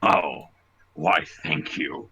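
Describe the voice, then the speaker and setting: A man voicing a menacing male demon-king villain in a slow, deadpan way in a fan voice-acting Q&A. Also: slight background noise, heavily acted. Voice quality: very deep, husky.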